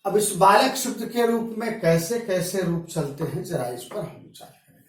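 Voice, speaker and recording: A man teaching a school grammar lesson in a classroom, reciting word forms slowly and stretching them out. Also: high-pitched, lively intonation. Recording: very echoey room, mic far off.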